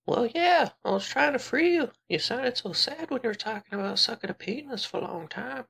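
A performer voicing a naive, earnest young grandchild in an amateur cartoon, high and raspy. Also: lively intonation, fairly quick, a bit bright, heavily acted.

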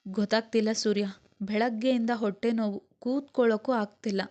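A woman reading the lines of a kind, warm-hearted young sister-in-law who talks in a gently teasing, caring way. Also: on the high side, fairly even intonation, brisk, close to an everyday voice. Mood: pained.

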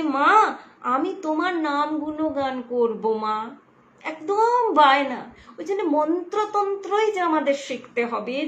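Slow earnest woman giving a devotional talk. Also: sits high, a bit bright. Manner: earnest, emotive storytelling with prayerful quoted pleas. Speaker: devotional speaker. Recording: roomy echo with faint background noise.

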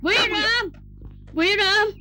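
A fat, fawning servant. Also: male voice, extremely high pitch, very slow, pushed and bright, faint music behind, exaggerated voice. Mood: teasing. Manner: fawning, sing-song teasing.

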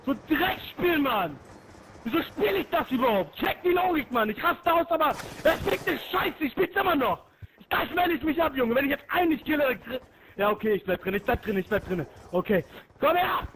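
A man raging and yelling during an online shooter match, swearing and taunting his opponents nonstop. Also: very high voice, lively intonation, brisk, a little hiss or hum, poor audio. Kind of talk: screaming gaming rant.

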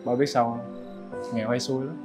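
An actor playing a sullen young adult son who answers curtly and with resentment. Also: male voice, mid-range voice, steady tone, fairly quick, music in the background, lightly acted. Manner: curt, resentful replies. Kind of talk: film acting.

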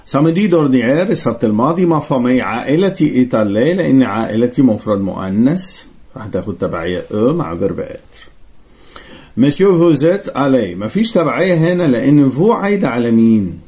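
A young man with an Egyptian Arabic accent teaches French grammar for an exam, his voice rising and falling a great deal as he talks. He reads the French sentences slowly and carefully, then moves into quick colloquial explanations. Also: medium pitch, animated, warm tone. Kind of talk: exam-prep grammar lesson.

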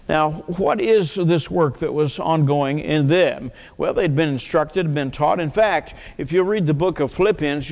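Older male pastor, slightly high voice, earnest pulpit sermon, church hall reverb. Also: darkish tone. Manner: earnest, asks the congregation questions, repeats words. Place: church sanctuary, at a wooden pulpit. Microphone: pulpit mic.

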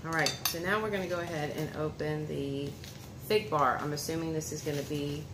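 A deep-voiced woman in her thirties speaks briskly with fairly even intonation. As a food reviewer vlogger, she tastes food and chats casually at the table, talking to viewers and her son in a homey way while unwrapping it. She's indoors in her home dining room, where the room echoes and background noise is clear.

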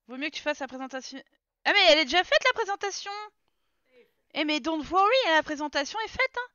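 A woman's voice: high-pitched, lively intonation, brisk, pushed and bright, no room sound, highs cut off. A woman streaming a life-sim game from home, chatting casually and talking to her game characters. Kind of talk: casual live gameplay commentary.

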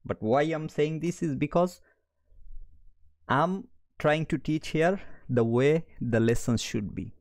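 A man's voice: a little high, slow, darkish tone, no echo. A man from Bangladesh, speaking with a Bangladeshi accent, gives a screen-share trading lesson in a direct style, often checking in with "okay". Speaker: trading educator.

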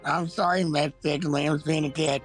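A man's voice: on the high side, fairly even intonation, normal speed, breathy edge, faint music behind. A man chatting through a game with a friend, exasperated and bossy. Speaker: co-player. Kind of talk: casual gaming chat.

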